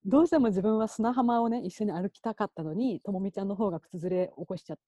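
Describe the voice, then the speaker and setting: A woman co-hosting a casual chat podcast, retelling a story with lively acted-out quotes. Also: medium pitch, fast talker, no room sound. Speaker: podcast co-host.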